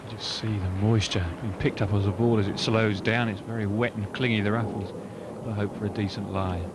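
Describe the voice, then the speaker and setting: A man with a fairly low voice gives conversational golf commentary. He adds chatty asides as a co-commentator, over clearly audible outdoor noise. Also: little pitch movement, a little fast.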